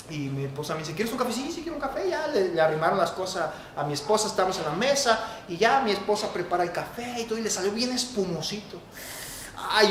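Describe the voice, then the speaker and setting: Mexican pastor guy preaching hard, goes loud then quiet, echoey church with a little hiss. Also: high voice. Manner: impassioned preaching, swings from loud to hushed, often addresses listeners as brother. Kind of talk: sermon.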